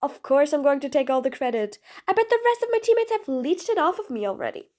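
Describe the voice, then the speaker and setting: A woman's voice: high-pitched, very animated, fast talker, a little mellow. A woman voicing a sarcastic, exasperated female supervillain in an audio role-play drama, taunting her prisoner with bossy nicknames. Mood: smug. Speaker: voice actress.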